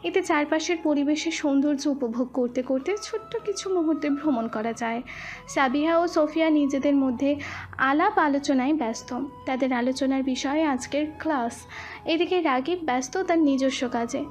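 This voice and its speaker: A woman narrating a romantic story with an expressive, flowing delivery. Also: high-pitched, moderate pace, soft background music. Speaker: voice artist, storyteller.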